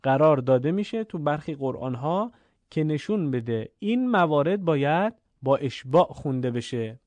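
A man teaching Quran recitation, explaining rules clearly and then chanting the examples slowly and drawn out. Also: on the high side, darkish tone, no echo. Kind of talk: recorded recitation lesson.

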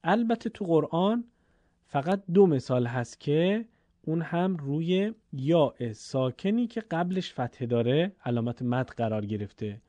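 A man teaching a Quran reading lesson, explaining patiently and drawing out his recited examples slowly. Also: on the high side, lively intonation, mellow, no room sound, muffled recording. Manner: slow, stretched chanted recitation of examples.

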